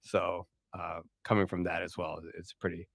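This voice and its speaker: A deep, gravelly voice with little pitch movement comes at normal speed, recorded dry with clean studio sound. The speaker, a partnerships director from Puerto Rico whose first language is Spanish, takes questions on a casual livestream in English, loose and chatty, with frequent fillers and restarts.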